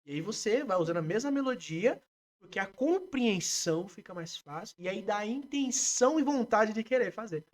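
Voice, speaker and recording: A man with a Brazilian Portuguese accent, a music therapist being interviewed, explaining his work in a lively way and breaking into short sung examples. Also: high-pitched, normal speed. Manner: animated, demonstrates by singing snippets.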